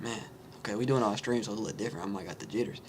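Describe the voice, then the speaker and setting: A man's voice: lowish voice, rapid-fire, noisy background. A young man rehearsing a vlog script aloud at home. He is slightly out of breath, thinks aloud and restarts his lines. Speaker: content creator.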